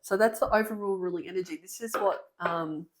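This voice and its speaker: A woman with a slightly low voice gives a tarot reading to the people watching. She speaks earnestly and gets excited as she goes, pausing often on ums and restarting her sentences. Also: background noise. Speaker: tarot reader. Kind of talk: tarot reading for an online audience.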